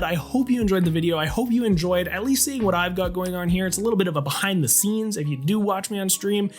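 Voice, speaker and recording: Young male streamer, slightly high voice, casual self-deprecating rambler, home room, faint guitar bed. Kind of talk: casual vlog talk to camera.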